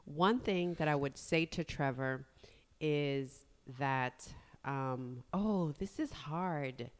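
A woman of forty in casual chat as a podcast host, speaking in an expressive, effusive way. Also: deep voice, slow pace. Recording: long hollow reverb.

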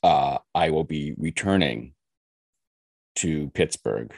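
A man's voice: rumbling low, lively intonation, takes it slowly, creaky, a little mellow, breathy edge, no echo, studio quality. A man hosting a podcast in a casual, joking chat. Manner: joking, playful. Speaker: podcast host.

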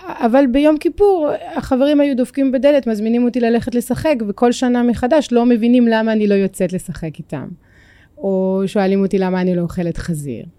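A native French speaker from France talks in Hebrew with a French accent, her voice slightly high and warm, with no room sound. As a podcast guest in a reflective personal interview, she speaks thoughtfully and searches for her words.

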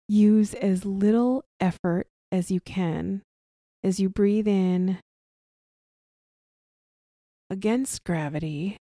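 Soft and soothing, a woman guides listeners through a somatic relaxation exercise, leaving long gaps between her gentle instructions. Her voice is medium in pitch, mellow and relaxed, and she never hurries. The recording feels dry and intimate, with no echo.

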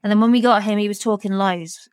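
A woman's voice: mid-range voice, steady tone, quick pace, a little mellow, dry recording, studio quality. A woman who keeps a parrot, chatting at length in a casual group conversation. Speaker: parrot owner.

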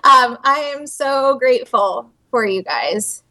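A woman's voice: a little high, lively intonation, slow, sharp tone, a little hiss or hum. A bubbly, chatty woman calling in as a guest on a podcast, laughing often. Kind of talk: casual podcast chat. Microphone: call-in line over speakers.

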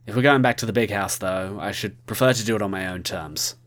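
A man's voice: fairly low pitch, brisk, fairly bright tone, lightly acted. A man voicing a cocky young male spy who speaks in polite, genteel phrases. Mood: wry, polite.

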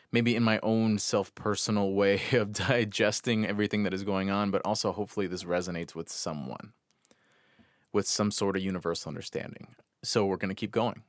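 An American man hosting a podcast alone from a small bedroom closet, speaking reflectively and earnestly in halting short phrases. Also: fairly low pitch, dry recording. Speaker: podcast host. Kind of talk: reflective solo podcast monologue. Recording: close, dry closet recording.

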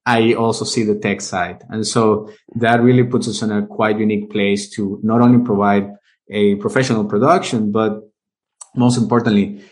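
A man from Venezuela in his thirties, a business owner telling his career story in a casual interview, animated as he tells it. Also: on the low side, normal speed. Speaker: guest, live streaming business owner.

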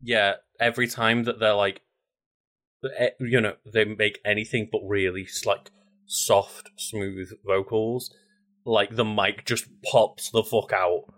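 A man co-hosting a podcast in casual chat, rambling with many filler words and relaxed swearing. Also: on the low side, slow. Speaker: podcast co-host.

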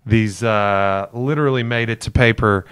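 A man's voice: fairly low pitch, moderate pace, a bit bright, clean tone, no room sound, clean studio sound. A middle-aged man leading a real estate team, giving a live-streamed talk to new agents in a conversational, emphatic way and repeating his key points. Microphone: camera for a livestream.

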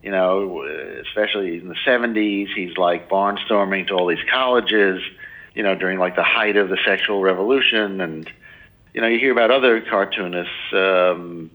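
A man in his sixties talks as a biographer on a radio-style interview, his low voice bright and forward. He rambles through his answers, circles back with "you know," and slips into playful voices when he tells a story. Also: normal speed, a little hiss or hum, poor audio. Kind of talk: casual interview talk.

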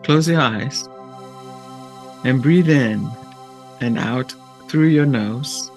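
A man speaking in a gentle, measured and deliberate way, with long pauses, as he hosts a reflective talk and guided meditation. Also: medium pitch, soft background music. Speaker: podcast host and meditation guide.

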